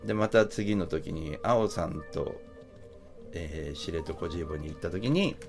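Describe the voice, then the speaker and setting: A man's voice: low voice, expressive, measured pace, music in the background. A middle-aged man, a musician, telling a travel story in a chatty, casual way, with many fillers and acted-out quotes.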